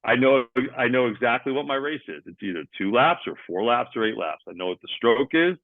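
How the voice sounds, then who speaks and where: A man's voice: medium pitch, animated, brisk, no echo. Man explaining over a tinny line. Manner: explains jargon in plain terms, uses sports examples. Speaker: ADHD athlete coach. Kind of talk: explaining in conversation. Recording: tinny phone-like line, dry.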